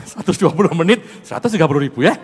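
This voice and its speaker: A man's voice: on the high side, animated, racing, breathy edge. A man, a pastor, preaching a sermon in a chatty storytelling manner and laughing often. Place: church hall. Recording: reverberant church hall, faint music.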